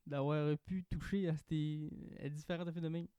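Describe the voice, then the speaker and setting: A young man with a Québécois French accent, chatting on a podcast in an animated way and swearing casually. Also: fairly high pitch, moderate pace, clear, resonant tone, no room sound. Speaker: podcast host.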